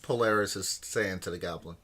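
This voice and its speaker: A man's voice: deep voice, brisk, pushed and bright, slightly rough. A man playing in a tabletop game, speaking hesitantly. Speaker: player. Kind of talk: casual tabletop play.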